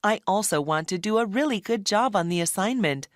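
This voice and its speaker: A woman's voice: medium pitch, lively intonation, fairly quick, no room sound, studio quality, natural voice. A young woman playing a polite, earnest university student in a stilted, scripted textbook dialogue. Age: young adult.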